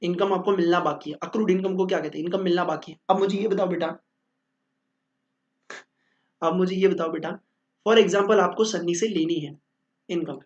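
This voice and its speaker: A man's voice: high voice, fairly even intonation, normal speed, pauses often, lo-fi sound. A man teaching accounting in a joking, bantering lecture, answering his own questions.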